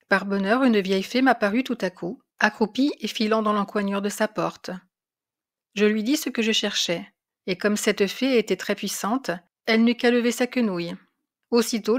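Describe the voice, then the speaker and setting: A woman narrating a classic French short story in a measured, expressive storytelling voice. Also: medium pitch. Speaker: reader of literary classics.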